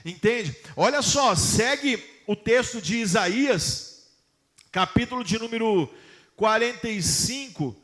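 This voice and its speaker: A pastor preaching a sermon to his congregation, putting questions to them emphatically and reading scripture slowly. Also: sits high, animated, a bit bright.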